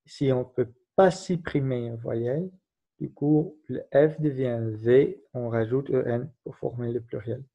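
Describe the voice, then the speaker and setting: A teacher gives a recorded grammar lesson, patiently explaining the rules and spelling out letters one at a time. His medium-pitched voice is creaky and a little slow, and the recording is dull and lo-fi.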